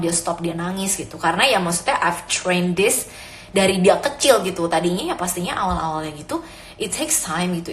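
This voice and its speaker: Earnest young mom in an echoey room. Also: female voice, on the low side, slight background noise. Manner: mixes Indonesian and English freely; earnest, advising. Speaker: parenting vlogger, mother. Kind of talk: casual advice talk. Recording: echoey room with faint ambience.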